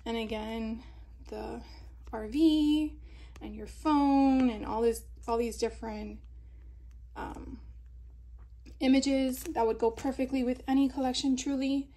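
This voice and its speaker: Slow-paced and pausing often, a high-pitched, mellow woman from Florida walks through craft supplies at an indoor table in a casual haul video. Her intonation stays fairly even, and as a craft vlogger she chats along with fillers and little laughs.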